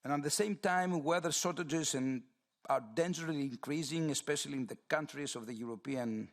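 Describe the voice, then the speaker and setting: A man from Greece, giving a formal, measured statement to a committee. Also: medium pitch, vocal fry. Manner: formal, measured, read-out delivery. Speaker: committee member.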